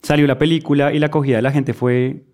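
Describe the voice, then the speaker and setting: A man's voice: mid-range voice, level tone, fast talker, darkish tone. Chatty podcast host, a man. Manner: chatty, friendly questions full of fillers. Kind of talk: casual interview chat. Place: outdoor garden with a live audience.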